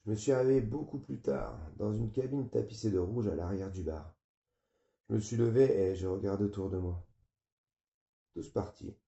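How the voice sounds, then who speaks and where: A man with a deep, gravelly voice reads a novel aloud in a flat, weary first-person tone. His sound is dark and mellow. It comes through muffled, with a roomy echo. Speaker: audiobook reader. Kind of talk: novel reading.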